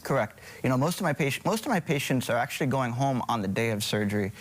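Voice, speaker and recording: A man's voice: medium pitch, animated, fast. A middle-aged man from Hawaii, a surgeon guest on a morning TV show, speaking hesitantly with many ums and restarts.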